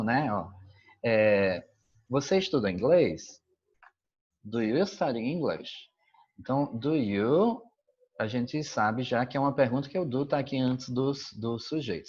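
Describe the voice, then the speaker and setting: A man's voice: medium pitch, muffled recording. A man with a Brazilian Portuguese accent, an English teacher patiently explaining a school worksheet and often checking that students follow.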